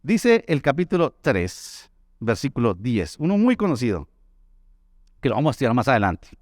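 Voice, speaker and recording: A man preaching a sermon as pastor, swinging between loud pleading and soft low tones. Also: huge pitch swings, normal speed, dry recording, studio quality. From Colombia.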